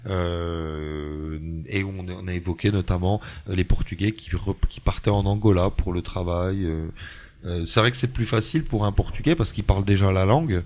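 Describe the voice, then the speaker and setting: A man with a fairly low voice hosts a casual radio interview on a school station. He talks patiently, prompts his guests with questions and echoes their answers back to them. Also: normal speed, a little mellow. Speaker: school radio show host.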